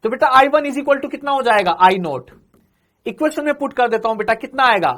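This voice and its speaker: A man's voice: very high-pitched, expressive, brisk, a bit bright. A male physics teacher giving an exam-prep lecture. He keeps calling students "beta", asks them questions and answers them himself, and repeats each phrase several times.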